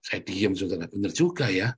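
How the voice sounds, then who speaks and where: A man's voice: deep voice, expressive, a little fast, slightly rough. A male pastor preaching a sermon in an emphatic, candid way, often turning to address his listeners directly. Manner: candid, conversational preaching with personal stories.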